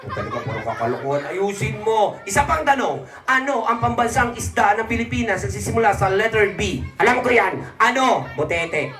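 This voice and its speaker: A man hosting a live children's puppet show at a birthday party, excitable, scolding and laughing a lot. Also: sits high, a little fast, recorded from a distance. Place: birthday party in a large hall. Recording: echoey hall from afar with music.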